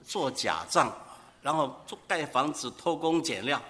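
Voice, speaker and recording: A man's voice: fairly high pitch, a little slow. A man preaching a sermon, telling anecdotes and asking rhetorical questions. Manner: storytelling, rhetorical questions, animated. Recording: long hall reverb.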